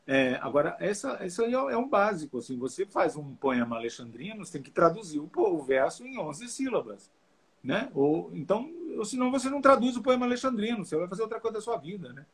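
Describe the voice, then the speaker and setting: A man's voice: high voice, big pitch swings, fast, husky. A man who translates song lyrics, talking casually in an interview with many restarts and hesitations. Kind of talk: casual video call interview.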